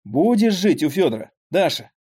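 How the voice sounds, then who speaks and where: A man's voice: fairly high pitch, sing-song, moderate pace, warm tone, slightly rough, voice pushed up. A man voicing a frail, talkative old father with a weak voice and rambling folksy speech, in an audiobook. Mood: weak, tender.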